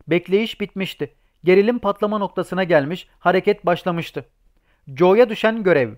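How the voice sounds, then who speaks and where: Man narrating an audiobook. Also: high-pitched. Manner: reads a novel aloud, giving the characters' lines too. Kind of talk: scripted narration.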